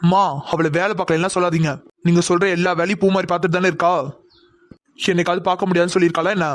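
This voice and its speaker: Woman playing a steady elder brother, low flat voice, quick, dry sound, cartoon. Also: no echo, natural voice. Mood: firm. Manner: firm, gently coaxing. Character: calm protective elder brother, young man.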